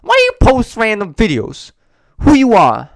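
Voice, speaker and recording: A man's voice: mid-range voice, normal speed, dry recording, close to an everyday voice. A man voicing a stern father who lectures his grown son in a put-on accent. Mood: scolding.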